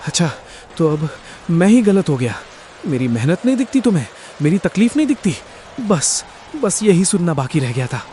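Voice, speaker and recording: Male actor as a grumbling poor husband in a cartoon, self-pitying, big pitch swings. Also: lively intonation, measured pace, a little hiss or hum, close to an everyday voice. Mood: indignant. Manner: self-pitying, sighs and laments, flares up when accused. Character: poor grumbling village husband, bitter about fate.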